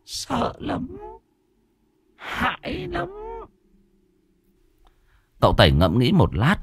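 A man narrating a ghost story in an expressive, dramatic reading. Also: lowish voice, no room sound, clean studio sound.

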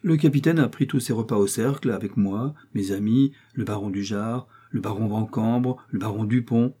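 A man's voice: on the low side, moderate pace, mellow, husky. A man voicing a suave young male count who talks with polished, courteous irony. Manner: polished, courteous, slightly ironic.

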